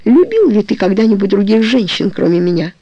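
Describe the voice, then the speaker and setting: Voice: medium pitch, sing-song, fairly quick, mellow, dry recording. A reader voicing a young woman who pleads with her lover and confesses her past in a trembling voice. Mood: tender. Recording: dull lo-fi recording.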